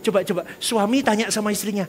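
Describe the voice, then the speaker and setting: A male pastor giving a lively sermon in church, joking with the congregation and calling for responses, dropping in English words. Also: sits high, quick pace, faint music behind. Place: church service before a congregation.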